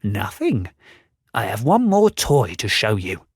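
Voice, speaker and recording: A man's voice: fairly low pitch, wildly swooping pitch, takes it slowly, husky, no room sound, studio quality, heavily acted. Man voicing a patient old inventor. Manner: patient, instructive. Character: old male inventor, kindly, forgetful. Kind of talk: audiobook character voice.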